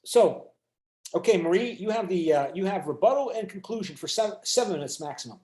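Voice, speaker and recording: High-pitched guy lecturing a zoom class, lots of uhs, echoey room. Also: lively intonation, mellow. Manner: halting, many fillers and restarts. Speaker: university instructor. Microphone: video call.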